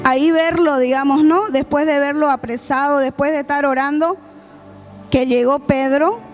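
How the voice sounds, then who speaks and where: A woman's voice: high voice, steady tone, normal speed. A woman preaching a sermon, retelling a scripture story with acted-out quotes and calls to the congregation. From Bolivia. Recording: faint music behind.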